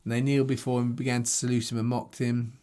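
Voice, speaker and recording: Talking fast with a flat, mellow delivery at medium pitch, a Bible teacher reads scripture aloud and teaches on it in a chatty way. He thinks aloud, makes restarts, and records himself to a video camera.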